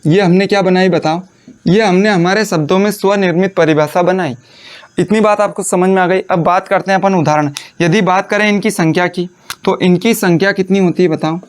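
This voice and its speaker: A man teaching a Hindi lesson. He asks his students questions and answers them himself, and he repeats phrases slowly so they can copy notes. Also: high-pitched, steady tone, smooth. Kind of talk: classroom lecture dictating notes.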